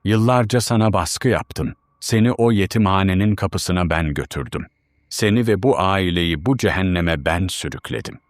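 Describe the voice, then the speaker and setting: Brief: remorseful wife's farewell letter, solemn and confessional, read by a deep-voiced male narrator. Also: expressive, moderate pace, no room sound, clean studio sound. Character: guilt-ridden wife writing a farewell letter.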